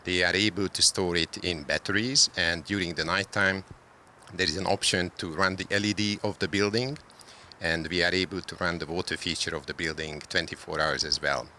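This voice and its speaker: A man's voice: low voice, steady tone, moderate pace, sharp tone, a little hiss or hum. A man from Hungary, answering interview questions about a public art project, hesitating often with fillers. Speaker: interviewee, solar art creator.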